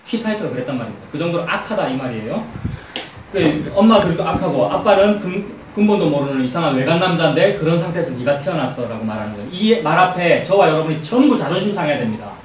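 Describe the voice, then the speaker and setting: A male pastor preaching in an echoey church sanctuary, his fairly high voice carrying from a distance. He talks emphatically, shifting into animated storytelling and throwing rhetorical questions at his congregation. Faint room ambience sits under him. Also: quick pace, crowd noise. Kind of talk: expository sermon.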